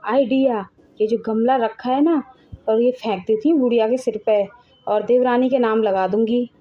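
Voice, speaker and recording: A jealous, scheming elder sister-in-law, played by a woman in an animated family drama. She speaks high and sharp, sulking and plotting against the younger wife. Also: moderate pace, lo-fi sound, natural voice.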